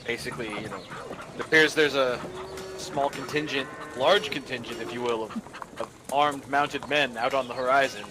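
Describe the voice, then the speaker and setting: Male player, hesitant and halting, mid-pitched, noisy amateur audio. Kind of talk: casual tabletop game talk. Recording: noisy home podcast recording.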